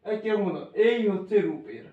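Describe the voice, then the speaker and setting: The sound is phone-quality, roomy and distant as a male maths teacher with a Bengali accent teaches at a blackboard. His high voice is animated and a little fast, informal and reassuring, as he thinks aloud through explanations.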